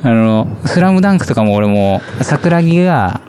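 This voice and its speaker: A man's voice: mid-range voice, sing-song, moderate pace, dark tone, a little hiss or hum. A man with a chatting casually and rambling in a self-deprecating way. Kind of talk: casual chat. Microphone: studio microphone.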